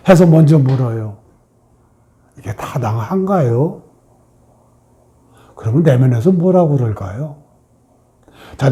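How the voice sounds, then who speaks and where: A man's voice: fairly high pitch, warm tone. A man giving a meditation lecture, asking questions and answering them himself, sometimes dropping to a whisper. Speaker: meditation teacher.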